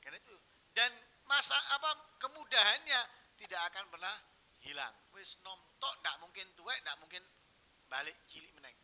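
A man preaching a sermon, telling stories and swinging from hushed, quiet phrases to loud, emphatic ones. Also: high-pitched, lively intonation, moderate pace, poor audio.

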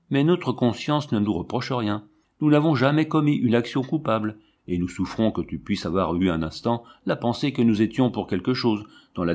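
A man's voice: fairly low pitch, darkish tone. A man reading the part of a hard, scheming older woman who speaks in a stern, solemn way in a storybook reading.

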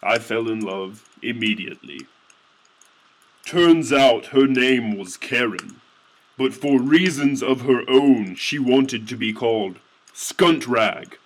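A man's voice: mid-range voice, expressive, slow, poor audio. A man narrating a satirical fantasy story in a mock-earnest tone with indignant outbursts.

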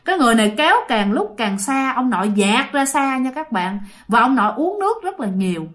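High-voiced woman telling ghost stories. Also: big pitch swings, a little fast. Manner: chatty, addresses listeners directly. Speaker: storyteller. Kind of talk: ghost story narration.

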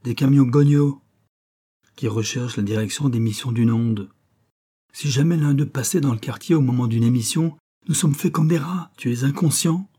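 A man's voice: mid-range voice, normal speed, mellow, breathy edge, close to an everyday voice. A man reading an audiobook and voicing a blunt, indignant old friend who scolds hotly. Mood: worried. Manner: scolding, heated and accusing.

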